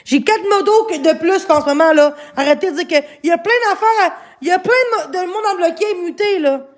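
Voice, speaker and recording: A woman's voice: very high-pitched, a little fast. A woman with a Québécois accent, streaming live and angrily scolding her chat, swearing often. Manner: angry, swearing, scolding viewers. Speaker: livestreamer.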